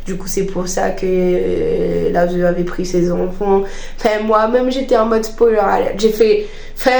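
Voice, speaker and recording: Woman doing animated gossip storytime, repeats herself for effect, echoey room w faint noise. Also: medium pitch, gravelly. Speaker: vlogger telling personal stories. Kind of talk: casual gossipy storytelling chat.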